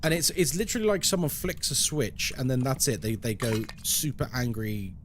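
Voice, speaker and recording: A man's voice: mid-range voice, moderate pace, a bit bright, slight background noise. A man chatting casually as a live game streamer, with playful, tongue-in-cheek banter and commentary for his viewers.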